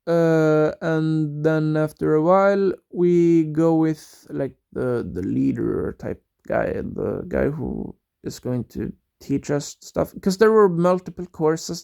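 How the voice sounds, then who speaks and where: A man's voice: fairly high pitch, vocal fry, warm tone, smooth. A young man telling a rambling, casual story, hesitant and full of fillers and restarts. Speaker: vlogger.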